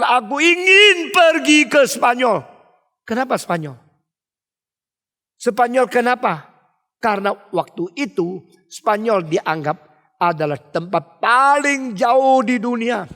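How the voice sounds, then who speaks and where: A man's voice: sits high, a bit bright, in a large hall. A male pastor preaching an expository sermon, telling stories emphatically and asking rhetorical questions.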